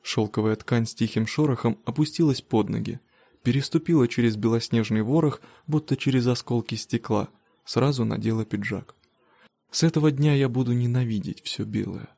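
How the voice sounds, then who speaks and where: A man reading a first-person novel aloud in a steady, even manner. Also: mid-range voice, gravelly, dry recording. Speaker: audiobook narrator. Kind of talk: first-person audiobook narration.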